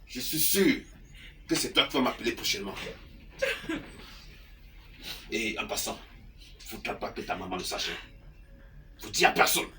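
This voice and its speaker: An actor playing a lecherous, manipulative middle-aged uncle, insistent and wheedling. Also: male voice, medium pitch, animated, brisk, noisy background, natural voice. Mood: pushy. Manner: insistent, wheedling, keeps tagging "hein?". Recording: distant mic with background music.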